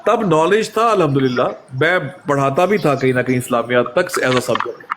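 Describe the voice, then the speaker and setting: A man, chatting in an interview and telling animated stories, often acting out the quoted exchanges. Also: mid-range voice, moderate pace, noisy background. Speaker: guest. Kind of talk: casual conversational interview.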